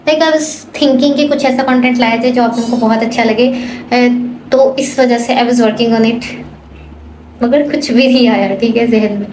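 थकी हुई युवती, फेस मास्क के पीछे से बोलती हुई. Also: female voice, on the high side. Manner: chatty, mixes English phrases into speech. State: talking through a face mask; tired. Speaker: food vlogger. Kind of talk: casual vlog chat to viewers. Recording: noisy background.

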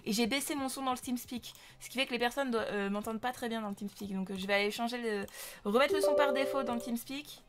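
A woman's voice: fairly high pitch, quick pace. A young woman from France streaming live, chatting casually with viewers and greeting them with many fillers. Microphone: desk microphone.

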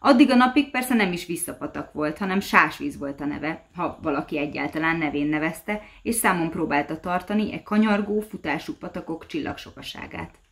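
Mély hangú nő népmesét olvas fel, kifejezően, élénken mesélve. Színészi felolvasás, nyugodt, hangsúlyos előadásmóddal. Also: female voice, sits low, animated, few pauses. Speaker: actress reading a folk tale. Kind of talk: storybook reading.

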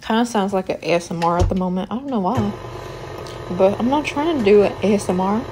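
A woman's voice: medium pitch, fairly quick. A young woman vlogging casually while she cooks at home, rambling with lots of "like" and "um". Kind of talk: casual chat while cooking. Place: home kitchen. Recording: noisy home recording.

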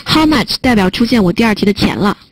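A woman's voice: medium pitch, expressive, quick pace, slightly rough, low-quality recording. A woman teaching a test prep listening class online, chatting and joking as she types notes on a whiteboard. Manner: chatty, joking aside while typing on a whiteboard.

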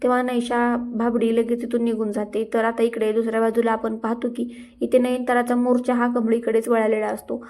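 A woman narrating a TV serial recap in a steady retelling manner with frequent filler words. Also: on the high side, fairly quick.

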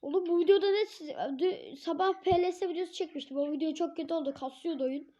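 A hoarse woman giving live gameplay commentary, swearing and yelling at the referee in frustration. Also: very high-pitched, fast talker. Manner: shouts at the referee, curses and rants in frustration. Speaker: gamer. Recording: dull lo-fi recording.

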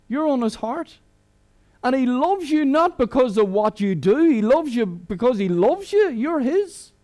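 A man's voice: very high voice, dark tone. A middle-aged Irish man preaching a sermon as a guest preacher, conversational and humorous, often restarting his sentences.

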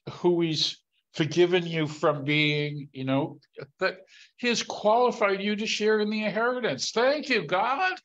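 A man's voice: on the high side, lo-fi sound. A man joining a conversational Bible study over a video call, earnest and breaking into praise as he talks.

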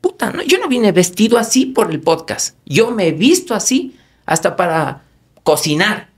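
Un hombre invitado en un podcast, que habla con pasión y énfasis y suelta groserías a menudo. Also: male voice, high-pitched, big pitch swings, normal speed, husky. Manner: passionate, emphatic, swears often. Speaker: podcast guest. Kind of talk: emotional podcast conversation.

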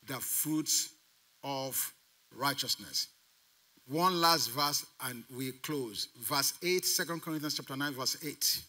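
A man's voice: on the high side, bright, forceful tone. A man preaching a sermon as pastor, emphatic, quizzing the congregation and repeating key phrases for emphasis. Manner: emphatic preaching with call-and-response questions to the congregation.

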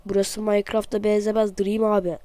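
A man giving excited let's-play commentary, joking and talking to himself as he plays. His voice sounds off because he is sick. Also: high-pitched, a little fast, clean tone, dry recording. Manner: playful, excitable, jokey, talks to himself while playing; self-mocking. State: voice off from being sick. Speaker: gamer, channel host.

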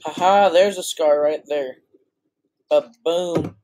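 A teenage boy with a voice that is breaking, casually commentating his own gameplay with excitable, blurting reactions. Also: a little high, takes it slowly. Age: teens. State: voice cracking. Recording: noisy, with mouse clicks.

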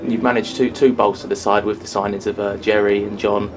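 A man's voice: on the low side, flat delivery, fairly quick, a crowd in the background. A man asking a football manager post-match questions, hesitant and full of fillers. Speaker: club media interviewer.

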